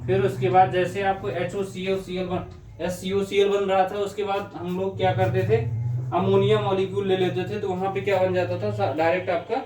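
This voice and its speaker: A man's voice: sits high, little pitch movement, moderate pace, background noise. A male chemistry teacher giving a lecture, working through reactions step by step and asking himself questions as he goes. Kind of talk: classroom lecture on organic chemistry. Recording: echoey room, voice from a distance.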